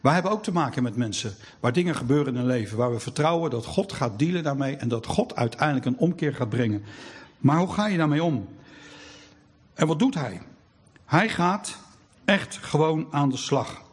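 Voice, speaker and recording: A man's voice: fairly high pitch, animated, normal speed, breathy edge. A middle-aged man giving a sermon, telling stories in a conversational way with frequent hesitations. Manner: storytelling, conversational with many hesitations. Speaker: preacher.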